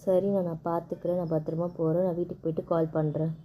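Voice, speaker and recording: A woman's voice: fairly low pitch, flat delivery, very fast, muffled recording, slight background noise, lightly acted. A woman playing a young wife who pleads with and coaxes her sulking husband in a family skit, then turns indignant. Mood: earnest.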